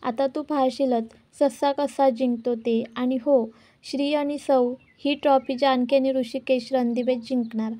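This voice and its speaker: A woman's voice: sits high, fairly even intonation, a little slow, mellow. A woman reading the lines of a defiant young wife who challenges and taunts her rival in a TV serial retelling. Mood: taunting.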